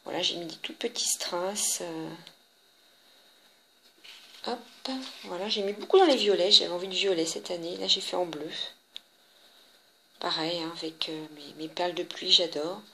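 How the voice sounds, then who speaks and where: A woman with a French accent casually shows her handmade cards, talking in a chatty, halting way with many fillers and restarts. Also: fairly low pitch, fairly bright tone, a little hiss or hum. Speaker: papercraft vlogger.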